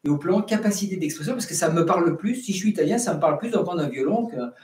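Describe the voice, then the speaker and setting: A middle-aged priest teaches in a relaxed, searching way, often restarting his phrases. His voice sits fairly high but sounds mellow and dark. He is heard from a distance in a roomy, echoing space. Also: fast. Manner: many restarts and fillers, sings out syllables as examples. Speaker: Orthodox priest giving catechesis. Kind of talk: spontaneous teaching talk.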